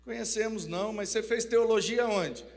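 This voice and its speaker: A man's voice: sits high, moderate pace, vocal fry, voice pushed up. A man preacher voicing elderly male church elders who doubt a young pastor, dismissive in tone. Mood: skeptical. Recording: reverberant church hall.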